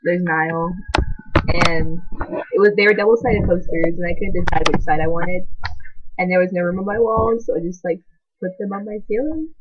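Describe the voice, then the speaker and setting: A teenage girl, half Chilean and half American with Spanish as her first language, introduces herself to camera as a channel co-host in a casual vlog. She's chatty and rambling, constantly saying "like." Her voice is lowish with fairly even intonation at a moderate pace, and the sound is lo-fi and very noisy.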